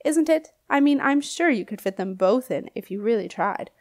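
A woman's voice: on the high side, lively intonation, normal speed. A woman voicing a cheerful ancient male ghost knight who guards a princess's door and tells silly jokes. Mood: joking. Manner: jovial, chuckling, jokey.

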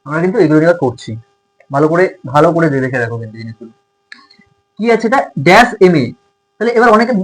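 Quick-talking husky male tutor. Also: sits high, rough recording. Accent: Bengali. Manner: asks questions and answers them himself. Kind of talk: grammar lesson.

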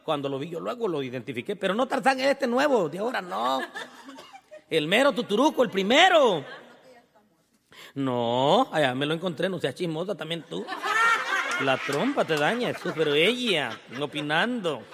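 A man with a Mexican accent doing crude, teasing stand-up banter as emcee at a live show, rowdy and quick to laugh. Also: high voice, sing-song, gravelly, fairly bright tone. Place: live concert stage. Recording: reverberant live venue with band music. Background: band music.

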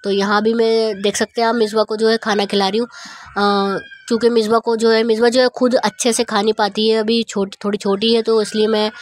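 Outdoors on a nighttime city street, a family vlogger in her thirties talks into a phone held at arm's length. Her voice is a little high and brisk with little pitch movement, and a faint hiss or hum sits underneath her casual, filler-heavy rambling.

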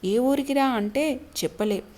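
A woman storyteller voicing a gossipy young working-class man who talks in a hushed way. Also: very high voice, unhurried.

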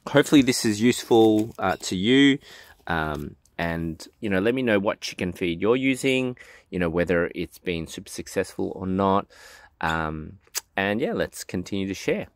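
A man's voice: low-pitched, animated, normal speed, no room sound. A man vlogging casually from his backyard chicken run, talking hesitantly with many ums and restarts. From Australia. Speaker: gardening vlogger. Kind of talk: casual talk to camera.

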